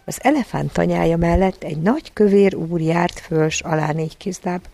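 A woman narrating a children's storybook in a calm, even reading voice. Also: fairly low pitch, gravelly. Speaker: audiobook narrator.

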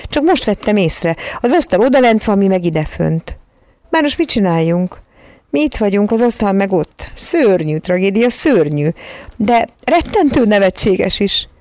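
A woman's voice: mid-range voice, very animated, darkish tone, no room sound. A woman voicing a jolly elderly uncle in a storybook who keeps laughing until his eyes water. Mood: laughing dismay. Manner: merry, tearful with laughter.

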